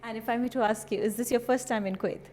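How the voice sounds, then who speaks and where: A woman with a fairly high voice and mostly even intonation hosts a TV interview, talking very fast with a slightly mellow tone. She sounds enthusiastic as she asks questions, dropping in the occasional "uh" and "um." The recording has a reverberant hall feel, faint ambience, and slight background noise.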